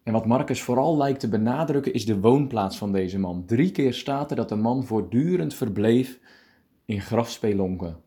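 A male preacher giving a calm radio meditation, reading scripture deliberately and explaining it. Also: medium pitch.

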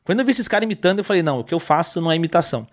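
A man with a high, bright-sounding voice tells funny stories in a relaxed interview. He talks in animated bursts, full of energy. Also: racing. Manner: animated storytelling, lively. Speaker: comedian guest. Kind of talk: casual interview chat.

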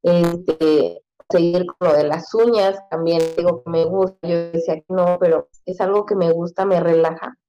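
A woman's voice: fairly low pitch, steady tone, normal speed, hardly any pauses, muffled recording, over music. Chatty woman in her thirties. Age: 30s. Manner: chatty, many fillers, acts out quotes in a raised voice. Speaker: guest. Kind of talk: casual conversation.

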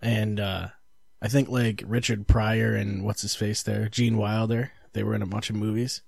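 A man's voice: fairly low pitch, level tone, normal speed, vocal fry, a little mellow, slightly rough, no room sound. A young man in casual chat, dry and laconic, going along with the joke.

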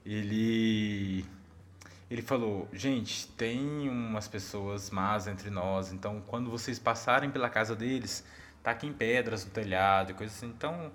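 A man with a Brazilian accent, a missionary, telling a personal story in a casual, animated way and talking straight to his audience. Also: medium pitch, a little hiss or hum.

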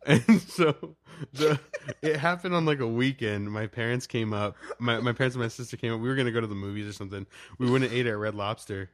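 A man's voice: medium pitch, fairly quick, no echo. A young man co-hosting a podcast, telling a story in casual chat and laughing through it. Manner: laughs through his stories, profane and animated. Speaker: podcast co-host.

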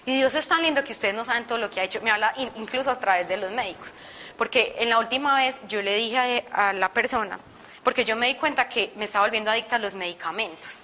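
A young woman tells her personal testimony of faith, animated and expressive as she acts out what she once said. Her voice sits a little high and sounds bright and clear. A faint hiss runs under the recording. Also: quick pace. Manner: expressive storytelling, acting out her own past lines. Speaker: testimony speaker.

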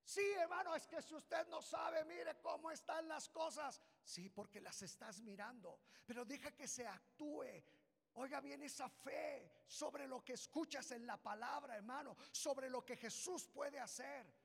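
A man preaching a sermon with passion, swinging from shouted lines to low asides and acting out the people in the story. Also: a little slow, gravelly. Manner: acts out the people in the story with put-on voices. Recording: hall with long reverb.

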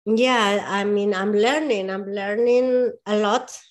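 A native Spanish speaker with a Spanish accent and a medium-pitched voice talks as a movement coach in a casual interview. She is earnest and often pauses to search for words.

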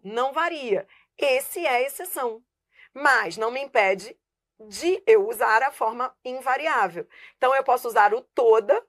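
A woman teaching a live online grammar class. She asks herself rhetorical questions, answers them at once, and keeps checking that the viewer is following while she writes on a board. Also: fairly high pitch. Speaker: Portuguese teacher.

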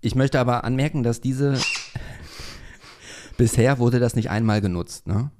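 In a room of a Berlin flat, a podcast host runs a casual interview, chatting along with plenty of fillers and self-corrections. His voice sits at medium pitch and moves a little slowly. There's noise in the background.

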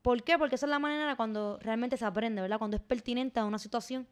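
A woman, her voice fairly high and smooth. She co-hosts an educational podcast in a casual tone, patiently explaining points and mimicking the doubts people voice. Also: steady tone, quick pace. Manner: explains patiently, acts out everyday doubts in quotes. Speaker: podcast co-host.

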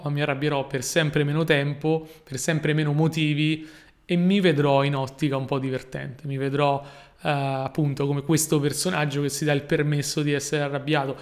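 A man giving a motivational coaching talk to viewers, explaining deliberately and repeating phrases for emphasis. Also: fairly high pitch. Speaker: life coach and video host.

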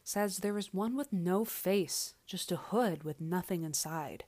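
Echoey, lower-voiced woman podcast host. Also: a little slow, darkish tone. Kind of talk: podcast monologue, book commentary. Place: away from usual podcast setup, echoey room. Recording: echoey makeshift recording space.

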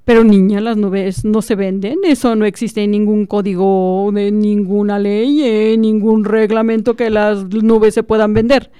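A woman's voice: mid-range voice, flat delivery, unhurried, hardly any pauses, mellow, smooth, dry recording, natural voice. A woman playing a pompous, officious male lawyer who lectures and scolds. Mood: scolding. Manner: bossy, lecturing.

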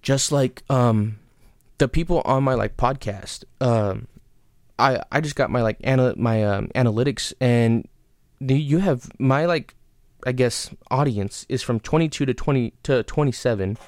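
Speaking a little slowly in a medium-pitched, darkish voice, a man runs his own casual solo podcast with frank, rambling advice. Fillers, restarts, and casual swearing abound, he keeps hiccuping, and the dry recording is studio quality.

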